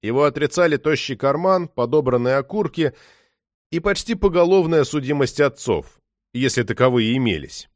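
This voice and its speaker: An audiobook narrator reads a crime novel from a script, his mid-range voice steady and even at a normal pace. The recording is dry and of studio quality.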